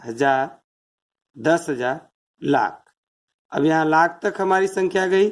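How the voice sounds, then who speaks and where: A teacher walks through a math lesson at an unhurried, deliberate pace. Each place value is counted out in turn. Rhetorical questions are dropped in to keep the listener following along. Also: mid-range voice, darkish tone. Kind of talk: step-by-step classroom explanation.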